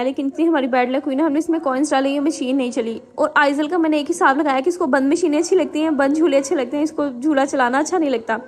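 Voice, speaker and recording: A young woman, a mother, chatting through a casual vlog voice-over with lots of fillers and friendly asides to viewers. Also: high-pitched. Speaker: family vlogger and mother.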